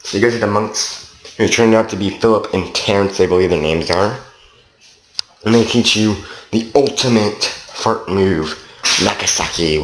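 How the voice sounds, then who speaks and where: Low-voiced man rambling through a game review. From Canada. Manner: profane, loose and meandering. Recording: roomy echo, faint noise.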